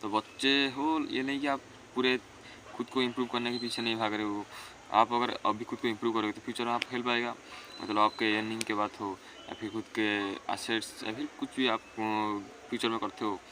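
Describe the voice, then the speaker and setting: A man's voice: lowish voice, sharp tone, slight background noise. A teenage boy giving earnest, rambling self-improvement advice in a casual monologue. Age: teens. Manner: earnest, rambling, repeats himself.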